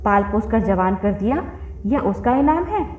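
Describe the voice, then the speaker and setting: A woman voicing a fierce, quarrelsome middle-aged village wife who scolds in a shrill, combative voice. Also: unhurried, close to an everyday voice. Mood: angry scolding. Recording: phone-like roomy audio with faint music.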